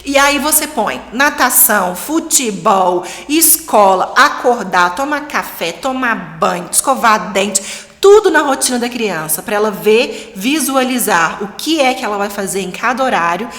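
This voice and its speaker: Brazilian woman, 30s, encouraging live-stream teacher, higher voice, reverberant room. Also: unhurried. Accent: Brazilian Portuguese. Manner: lively, encouraging, coaxing. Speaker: English teacher for parents. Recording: long reverb.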